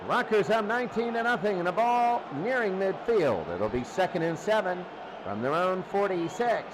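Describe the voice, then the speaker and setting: Clear background noise sits behind this football commentator, a high-voiced man delivering live play-by-play. He sounds expressive and keeps a moderate pace.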